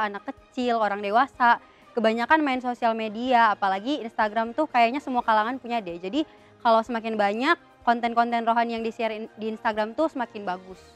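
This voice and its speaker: A young woman in her twenties chats easily as she gives her view. Her voice sits fairly high, and faint music plays underneath. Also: a bit bright. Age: 20s. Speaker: student participant. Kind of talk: casual opinion.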